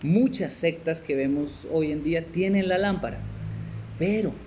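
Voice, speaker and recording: A man's voice: on the high side, a little slow, darkish tone, slight background noise. Chatty man teaching a Bible class. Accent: Colombian Spanish. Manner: conversational, asks "¿cierto?" and "¿sí?" often, laughs, acts out little scenes. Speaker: discipleship teacher.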